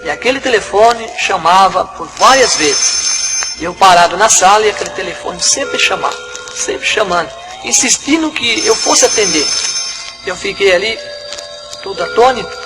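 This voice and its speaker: A pastor with a Brazilian Portuguese accent tells a dramatic personal testimony in an emphatic storytelling manner. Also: male voice, high-pitched, expressive, normal speed, poor audio. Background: music.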